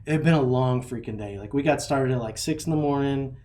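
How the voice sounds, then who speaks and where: A man in his thirties, a podcast host telling rambling, animated stories about his kids and laughing at them. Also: mid-range voice, brisk. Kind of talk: casual chat.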